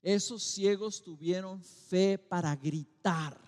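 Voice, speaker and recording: A middle-aged Mexican man preaching a sermon as pastor, dramatic and swinging between loud calls and quiet, slowly stressed words. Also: high voice. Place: church sanctuary. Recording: long reverb of a church hall.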